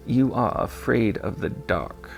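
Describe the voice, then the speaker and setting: A man narrating an audiobook voices a kindly old shopkeeper, speaking very slowly in a gravelly tone with gentle, old-fashioned courtesy. His pitch rises and falls like a born storyteller's, lively and reassuring, with soft music playing behind him.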